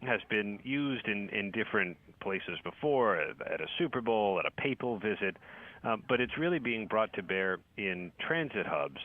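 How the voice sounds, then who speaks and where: A man with a very deep voice comes through a thin, phone-like line. He is a news correspondent answering questions on the radio. He often stops and restarts his sentences. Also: animated. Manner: halting, many restarts. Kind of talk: radio interview.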